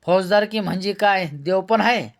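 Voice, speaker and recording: A man reading a novel aloud, voicing a stern older village mother who speaks gravely and with reproach. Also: high-pitched, moderate pace. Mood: reproachful.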